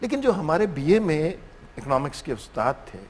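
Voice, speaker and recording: Animated Pakistani talk-show host man. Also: on the high side, moderate pace, big-room sound, slight background noise. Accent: Pakistani Urdu. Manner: animated storytelling, acts out anecdotes.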